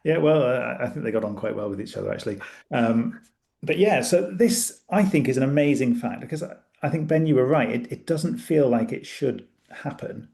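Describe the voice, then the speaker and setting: A guest who makes maths web tools chats casually, eagerly explaining a maths idea and a tool he built. His medium-pitched voice is warm and animated with some vocal fry, moving at a normal speed, and he's enthusiastic, full of asides.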